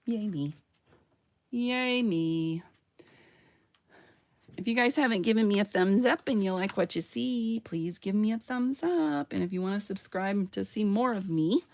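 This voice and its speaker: A woman's voice: medium pitch, normal speed, gravelly, darkish tone. A woman hosting a casual crafting tutorial, chatting to herself and her viewers as she works, with playful sound words and little self-cheers. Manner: chatty, talks to herself while working. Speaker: craft channel host.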